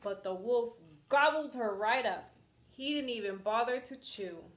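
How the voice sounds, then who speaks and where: A woman reading a children's story aloud as an expressive storyteller. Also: fairly high pitch, a little slow, echoey room.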